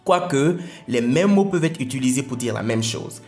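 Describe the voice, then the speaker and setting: A man's voice: medium pitch, animated, moderate pace, faint music behind. A man explaining an English lesson in French, patient and repeating his points for emphasis. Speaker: English teacher.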